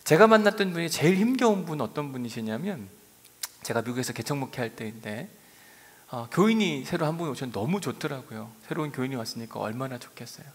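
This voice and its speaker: A middle-aged man preaching from the pulpit, his pitch rising and falling with animated storytelling. He drops into soft asides, then lifts his voice to drive a point home. A long reverb trails his words through the church sanctuary. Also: fast, slightly rough. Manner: storytelling, lively swings between soft asides and raised emphasis. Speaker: pastor. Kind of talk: sermon.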